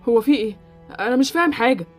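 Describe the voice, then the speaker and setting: A woman's voice: fairly high pitch, lively intonation, very fast, faint music behind. A woman voicing an earnest, lovesick young man in an Egyptian Arabic Roblox drama, who speaks in a pleading way.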